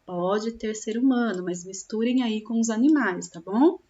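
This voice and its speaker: Lady teacher, stretches out syllables slow for little kids, keeps asking if they got it, bit muffled sound. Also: fairly high pitch, mellow. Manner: slow, drawn-out sounding of syllables, with frequent check-in questions. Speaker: primary school teacher. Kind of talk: recorded classroom lesson for young children.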